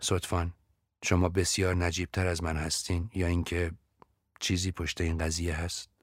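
A man's voice: low-pitched, little pitch movement, no room sound, clean studio sound. Man reading as a wistful young woman.

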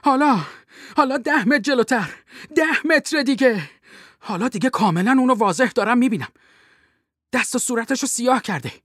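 A woman voicing an excitable male army captain who gives a tense, halting running commentary in an audiobook. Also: fairly high pitch, no echo, studio quality, natural voice. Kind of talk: audiobook role reading.

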